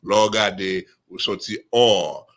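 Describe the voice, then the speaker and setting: A man's voice: lowish voice, steady tone, slow, fairly bright tone. A man from Haiti with a Haitian accent, talking emphatically in a casual discussion and often repeating and restarting phrases.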